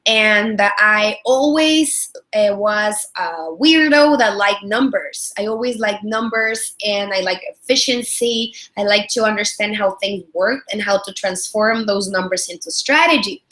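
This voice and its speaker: A webinar trainer and product strategist, a woman in her thirties from El Salvador, explains business topics in a friendly way with a Salvadoran Spanish accent, heavy on fillers and repetition. Her medium-pitched voice is fairly bright, unhurried, and nearly free of pauses.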